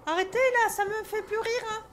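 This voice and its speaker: A woman's voice: extremely high pitch, fairly even intonation, moderate pace, a bit bright, slight background noise. A young French woman streaming a horror game, jumpy and swearing, talking to herself as she gets scared. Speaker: gaming streamer. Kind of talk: let's play commentary.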